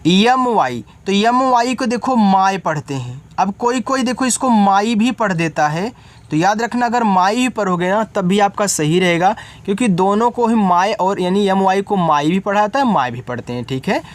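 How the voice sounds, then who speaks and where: At a moderate pace, a man with an animated, high voice teaches beginners to read English. He spells out words letter by letter, explains each one, and keeps confirming the learner is with him.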